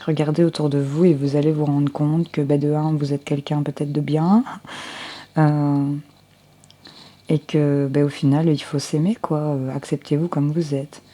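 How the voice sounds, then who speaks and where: A woman's voice: sits low, little pitch movement, normal speed, dark tone. A woman giving a general tarot reading for viewers through a close headset mic, speaking unhurriedly with frequent hesitations and restarts. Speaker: tarot card reader.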